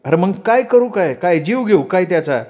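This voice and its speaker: A man's voice: high voice, sing-song, moderate pace, dark tone, voice pushed up. A man voicing a poor young farmer who speaks in a plain, grumbling, resentful way. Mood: weary. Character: young male farmer, poor, bitter, weary.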